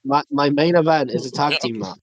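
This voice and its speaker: A man's voice: a little high, brisk, a loud crowd. A man hosting a podcast, casually narrating a play-by-play recap while friends chime in. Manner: plays by play, laughing along with friends. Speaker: podcast host. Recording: dull, lo-fi, dry sound.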